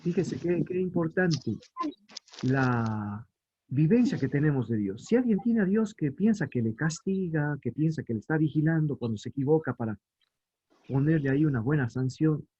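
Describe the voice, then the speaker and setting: Husky man teaching a family catechism. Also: a little high, lively intonation, warm tone, dull audio. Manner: explanatory, asks questions and answers them himself; reads scripture aloud slowly. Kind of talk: religious instruction for families.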